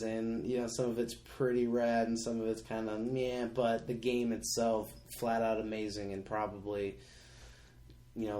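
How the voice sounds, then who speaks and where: Co-hosting a laid-back podcast, this man in his thirties rambles with enthusiasm and lots of filler words. He speaks on the low side with a darkish tone, and the recording carries a roomy echo and slight background noise.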